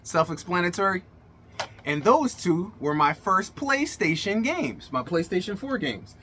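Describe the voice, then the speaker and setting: Bright-voiced middle-aged man, slightly slurred speech. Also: high-pitched, big pitch swings, a little slow, a little hiss or hum. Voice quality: slurred from a swollen mouth. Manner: emphatic, colloquial showman. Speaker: gaming channel host. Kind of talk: casual vlog monologue to viewers.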